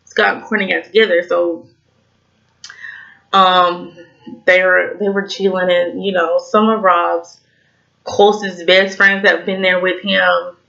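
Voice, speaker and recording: A woman's voice: fairly low pitch, level tone, a little slow, gravelly, long pauses, pushed and bright, muffled recording. A young woman in her twenties with a Southern US accent, rambling tipsily and swearing through a casual TV review vlog. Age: 20s. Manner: rambling, swearing, many "like" fillers. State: tipsy, slightly slurring. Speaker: TV review vlogger. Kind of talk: casual chat.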